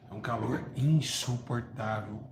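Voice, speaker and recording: A man preaching a live-streamed hellfire sermon, fervent, repeating words and asking listeners for agreement, swinging from loud stresses to low murmurs. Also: measured pace. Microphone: live-stream mic. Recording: roomy echo with faint background noise.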